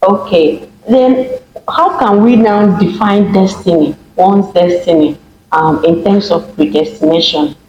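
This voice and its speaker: A host opening a casual talk show and asking the guests questions in a plain, steady way. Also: medium pitch, unhurried, roomy sound, dull audio, slight background noise.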